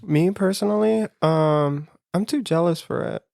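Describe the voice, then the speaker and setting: Gravelly voice in frank casual chat. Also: medium pitch, measured pace, a little mellow, no echo, clean studio sound. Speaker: podcast co-host. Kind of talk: casual discussion.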